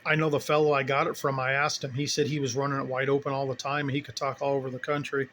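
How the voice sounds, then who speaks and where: A man casually showing his radio setup, talking in a relaxed, rambling way as he thinks aloud. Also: mid-range voice, fast, slight background noise. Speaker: CB radio hobbyist vlogger. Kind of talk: casual hands-on demo.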